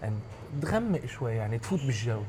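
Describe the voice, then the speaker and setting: Talking very fast with big swings in his medium-pitched voice, a musician and music director from Michigan reminisces casually as an interview guest. His American-accented English is laced with Arabic phrases, and the background is clearly noisy.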